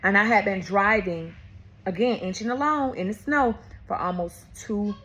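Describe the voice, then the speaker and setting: A woman's voice: mid-range voice, moderate pace. Woman telling a story to viewers. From Atlanta, USA. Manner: talks straight to viewers, calls them y'all and baby; animated storytelling with frequent restarts. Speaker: vlogger. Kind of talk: casual testimony storytelling.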